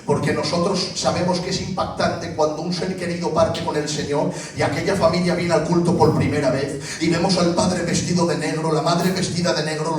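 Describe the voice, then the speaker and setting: A man with a Spanish accent preaching a sermon as pastor, building to shouts and acting out short dialogues. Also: fairly high pitch. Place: church. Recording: echoey church hall from far off.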